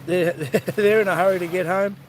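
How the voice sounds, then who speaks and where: High-voiced Australian man streaming by the sea. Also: fairly even intonation, moderate pace, slight background noise, low-quality recording. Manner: chatty, addresses viewers by name, easygoing. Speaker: livestream host. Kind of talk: casual live-stream chat to viewers. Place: outdoors by the sea.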